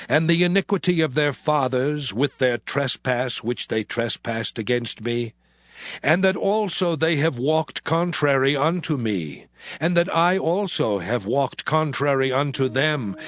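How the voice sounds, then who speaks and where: A man playing God as a solemn, stern deity, declaiming in measured archaic English in a dramatized scripture reading. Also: a little high, a bit bright, dry recording.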